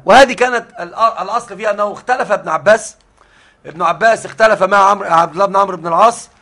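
Male sheikh, high and quick, halting lesson delivery with repeats. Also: a bit bright. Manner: halting, repeats words often. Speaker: sheikh teaching hadith. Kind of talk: religious lesson.

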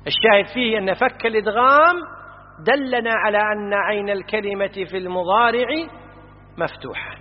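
High-voiced man teaching grammar in a reverberant hall. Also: fairly quick, a little hiss or hum. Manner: explanatory, quizzing students, stresses vowel patterns. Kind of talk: classroom lecture on classical grammar. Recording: dull lo-fi audio with long hall reverb.

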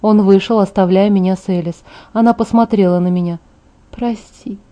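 A woman reads a first-person audiobook in a quiet, intimate way. Her voice is warm and mellow, at a middle pitch. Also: steady tone, a little fast. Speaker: audiobook narrator.

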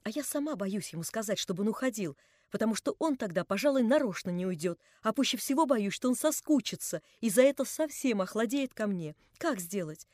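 A woman voicing an anxious, gentle and proud young woman who speaks earnestly and reproachfully. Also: medium pitch, animated, brisk, no room sound, clean studio sound, close to an everyday voice.

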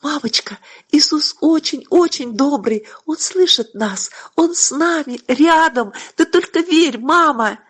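A woman's voice: high-pitched, animated, unhurried, pitched above the performer's own voice. A woman putting on an earnest little boy. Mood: tender. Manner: eager, pleading child voice. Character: young boy, earnest and devout.

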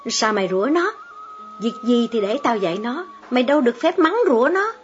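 A sharp-tongued middle-aged mother, as a storybook reader puts her on, scolding in a high, loud voice. The audio is dull, with faint music in the background. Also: expressive, brisk, lightly acted.

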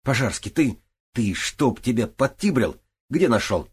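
A man voicing an excitable, flustered woman who fires off questions shrilly. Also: medium pitch, a little slow, slightly rough, pitched above the performer's own voice, exaggerated voice. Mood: shrill.

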